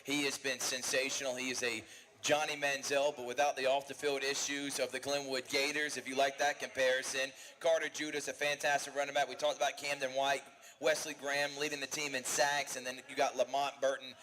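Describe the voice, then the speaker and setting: A man hosts a live sports talk show and runs through rankings at an eager clip. His voice sits a little high for a man. Some light noise hangs under the recording. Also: pushed and bright, rough recording. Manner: fast, enthusiastic rundown of rankings. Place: bar and grill.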